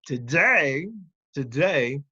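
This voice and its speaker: A man's voice: fairly high pitch, expressive, extremely slow, pushed and bright, husky, dry recording, muffled recording. A man teaching young children in simple, instructive phrases, often checking in with short questions. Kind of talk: simple interactive children's lesson.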